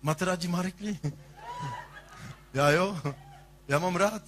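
A male pastor preaching a sermon with passion, moving from sung, shouted lines to quiet asides. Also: high-pitched, slight background noise.

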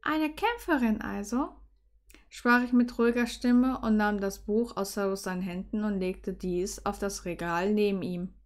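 A woman's voice: medium pitch, steady tone, normal speed, few pauses. Young woman narrating fan fiction. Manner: earnest storytelling, small slips and self-corrections.

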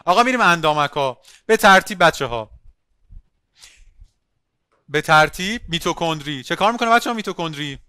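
A male biology teacher giving an online class, lively, asking questions and calling on students by name. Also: on the high side, long pauses, smooth, no echo.

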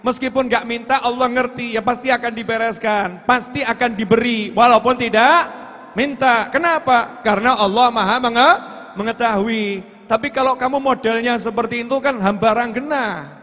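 A man preaches a sermon, chanting lines of devotional poetry in between. He swings from loud cries down to hushed, low asides. His voice rings out with a long echo through a large hall. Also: moderate pace.

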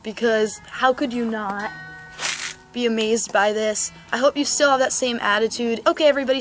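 Standing in a cold, sunny yard, a nineteen-year-old woman chats earnestly to the camera for her vlog, dropping in quick asides. A camera mic in a medium shot captures her fairly bright voice, which is on the high side.

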